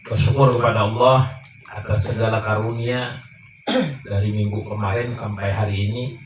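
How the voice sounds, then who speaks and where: A man preaching a sermon, telling a story that often climbs high and emphatic. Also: little pitch movement, normal speed. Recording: echoey room, mic far off, faint noise.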